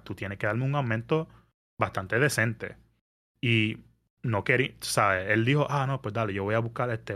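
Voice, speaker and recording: A man, telling a story in casual podcast chat, animated and mixing in English words. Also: medium pitch. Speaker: podcast guest. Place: New York area.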